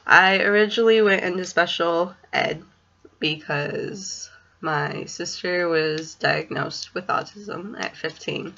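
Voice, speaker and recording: Young woman rambling slowly to her webcam, says w for r, kinda hesitant, bright but creaky voice. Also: lowish voice, muffled recording. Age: 20s. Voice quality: speech impediment, says w for r. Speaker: student teacher in special education. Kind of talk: casual personal vlog. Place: small home room, indoors. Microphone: webcam or computer mic at desk distance.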